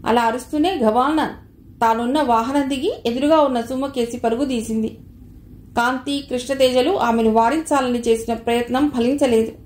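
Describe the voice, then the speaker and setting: A woman's voice: on the high side, darkish tone, roomy sound. A woman reading a novel aloud as an audiobook narrator, telling the story steadily and voicing the dialogue lightly.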